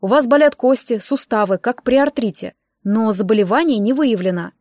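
A woman's voice: on the high side, lively intonation, normal speed, a little mellow, dry recording, clean studio sound, lightly acted. A woman voicing a kindly, puzzled middle-aged male doctor who fumbles through hesitant explanations.

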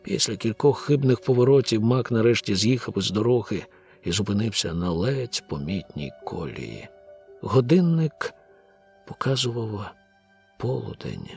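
A man reading an audiobook aloud in a measured, grave storytelling manner. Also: fairly low pitch, sing-song, vocal fry, a little mellow, soft background music. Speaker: audiobook narrator. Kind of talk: scripted audiobook narration.

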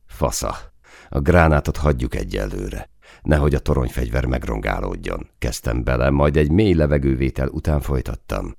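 Very deep gravelly audiobook narrator. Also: male voice, lively intonation, a little mellow, no echo, clean studio sound. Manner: tense, action-driven storytelling with frequent swearing. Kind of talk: first-person audiobook narration.

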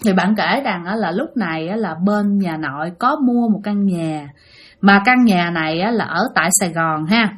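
A woman with a Southern Vietnamese accent telling a ghost story, talking straight to her listeners in an animated way. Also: lowish voice, normal speed. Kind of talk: spoken ghost story narration.

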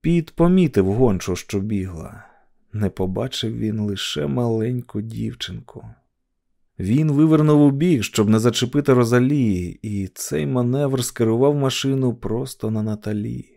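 A man narrating an audiobook dramatically, dropping to a hush in tense passages. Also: medium pitch, measured pace, vocal fry.

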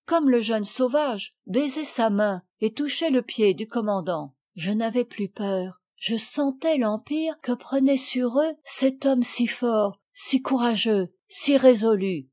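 Expressive woman reading a storybook. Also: fairly high pitch, slow, few pauses. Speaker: audiobook reader. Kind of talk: scripted narration of a children's novel.

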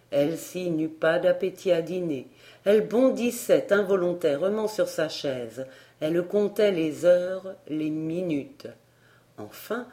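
A woman reading a fairy tale aloud as an audiobook narrator, in a steady, unhurried manner. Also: lowish voice. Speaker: audiobook reader. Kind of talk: scripted storybook narration.

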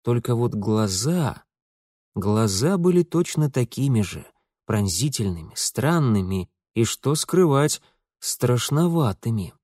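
Man reading an audiobook, lively up-and-down voice, super dry close sound. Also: mid-range voice, slow, no echo. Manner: expressive, plays all the voices. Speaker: audiobook narrator. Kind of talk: expressive audiobook narration.

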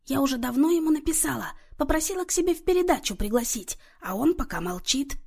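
A hoarse older widow, as a woman reader puts her on, sharp-tongued and fussy over details. Her husky voice rises high and roams widely in an audiobook scene. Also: lively intonation, quick pace. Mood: pedantic. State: hoarse from laryngitis.

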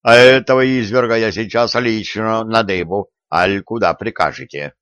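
A man's voice: fairly low pitch, moderate pace, a bit bright, clean tone, no echo, natural voice. A man voicing a zealous, fawning male executioner in an audiobook, talking in an eager, pleading, servile way. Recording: dull, dry lo-fi recording.

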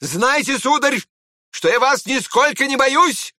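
Man doing a high-voiced haughty prince, snappish, scolding, lively swings, storybook reading. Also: unhurried, no echo, clean studio sound, full character voice. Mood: irritated, scornful. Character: irritable proud aristocratic prince, middle-aged man.

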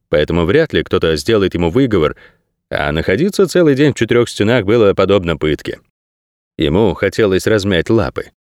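A man's voice: on the low side, darkish tone, no echo, clean studio sound. A man reading an audiobook aloud as scripted narration.

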